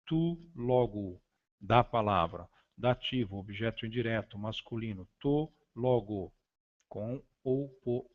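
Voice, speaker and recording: A man teaching a grammar lesson, reading slowly and deliberately from slides with frequent hesitations. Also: mid-range voice. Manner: slow, deliberate, spelling out words with frequent hesitations. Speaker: Greek teacher. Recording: dull lo-fi recording.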